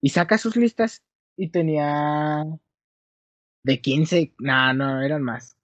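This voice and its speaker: A young adult man with a Mexican Spanish accent speaks slowly in a slightly high voice, recorded with a dull, dry lo-fi sound and no room echo. Chatting casually with friends, he tells a rambling story, correcting himself as he goes.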